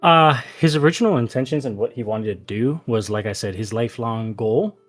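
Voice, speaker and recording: A man playing a tabletop game, describing his character's backstory in a relaxed, rambling way. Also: mid-range voice, a little fast, faint music behind. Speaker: player.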